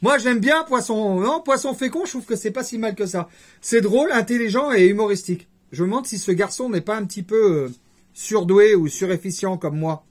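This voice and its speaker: A man's voice: high voice, fairly quick. A man chatting casually to his viewers as a YouTuber, rambling with jokey conversational asides. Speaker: YouTuber host. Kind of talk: casual vlog chat to camera.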